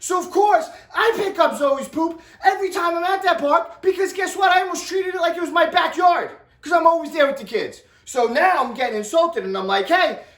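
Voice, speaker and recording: A man telling personal stories to viewers in an animated, exaggerated way, with sound effects. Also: extremely high pitch, fairly quick, hardly any pauses. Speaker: storyteller vlogger. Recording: roomy, distant mic.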